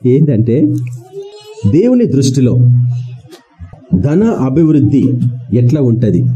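A man's voice: fairly high pitch, warm tone, low-quality recording. A man preaching a sermon to his congregation, firing rhetorical questions at them and repeating key words for emphasis. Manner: colloquial, mixes in English words.

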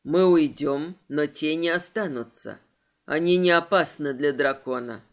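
Karkhidon, a woman doing a deep grave dragon. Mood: solemn. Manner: grave, slow and measured. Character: ancient solemn male dragon.

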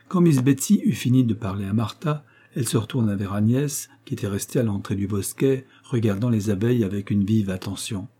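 Male audiobook narrator, very dark and husky, steady reading. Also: on the low side, brisk, few pauses. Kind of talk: scripted narration of a classic novel.

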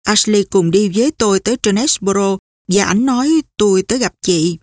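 A woman reading a brash young man on the run who talks fast and swears often, in an audiobook. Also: medium pitch, no echo, clean studio sound, close to an everyday voice. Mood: hurried. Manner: rough, swearing, hurried.

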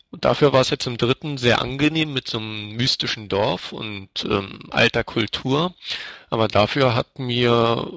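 A man's voice: medium pitch, vocal fry, a bit bright, no room sound. A man co-hosting a casual fan podcast, easygoing and hedging his views. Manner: easygoing, hedging, many fillers. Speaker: podcast co-host.

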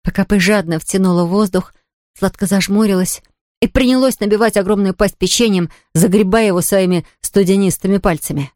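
A woman narrating a children's story aloud in a lively, expressive reading. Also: mid-range voice, fairly quick, dry recording, clean studio sound. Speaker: audiobook reader.

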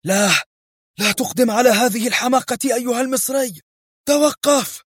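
A man's voice: mid-range voice, fairly quick, slightly rough, no room sound, clean studio sound, natural voice. A man voicing a nervous, frightened male companion in an audio story, asking worried questions. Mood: panicked. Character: anxious frightened middle-aged male companion.

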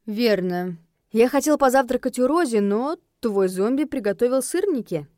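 A woman voicing a flirtatious, teasing male werewolf husband who purrs his words low and slow in an audiobook. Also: expressive, mellow, no echo, clean studio sound, close to an everyday voice. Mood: calm, insistent.

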